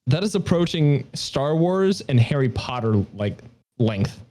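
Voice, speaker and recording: Young guy on a podcast, mellow dark voice, joking around and cursing a lot. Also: mid-range voice, big pitch swings, unhurried. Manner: joking, swearing, laughs often. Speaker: podcast co-host. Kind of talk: casual chat.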